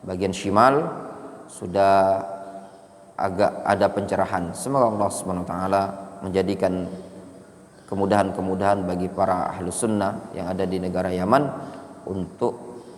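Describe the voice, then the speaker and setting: A man's voice: sits low, steady tone, moderate pace, long pauses. A man giving a religious study lesson as an Islamic teacher. He reads Arabic text aloud, then explains it, repeating his points with a habitual "ya". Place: mosque hall. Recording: echoey mosque hall with long reverb.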